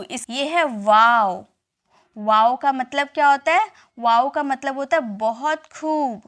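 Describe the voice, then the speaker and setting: Woman, English teacher, high bright voice, spells words and answers her own questions. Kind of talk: spoken English lesson.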